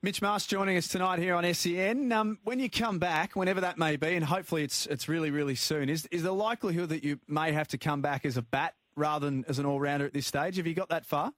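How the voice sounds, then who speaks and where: A man's voice: a little high, fast talker, hardly any pauses, a bit bright, no echo. An Australian man hosting a sports radio show and interviewing a guest.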